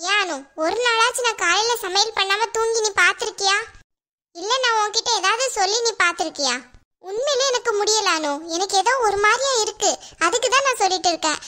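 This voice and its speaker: Very high, bright cartoon sister-in-law, voiced by a woman, Kanyakumari Tamil accent, whiny. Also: fairly quick. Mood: aggrieved. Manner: pleading, complaining.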